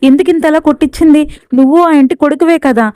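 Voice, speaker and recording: A woman's voice: high voice, fast, warm tone, no room sound, voice pushed up, natural voice. A woman voicing an angry young woman in a serial recap, speaking bitterly and heatedly. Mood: indignant.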